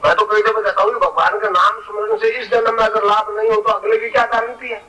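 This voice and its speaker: A man's voice: high voice, little pitch movement, quick pace, recorded from a distance, crowd noise, low-quality recording. A man, a guru, giving a spiritual discourse in a plain-spoken, emphatic way, often repeating his phrases.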